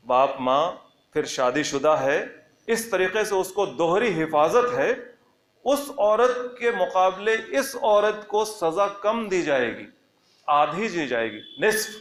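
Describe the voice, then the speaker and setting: High-voiced man teaching scripture, echoey room. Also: a bit bright. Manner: explains verse by verse, reciting Arabic lines then rephrasing them; emphatic, repeats key phrases for stress. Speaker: Quran teacher. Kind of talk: religious lesson explaining scripture.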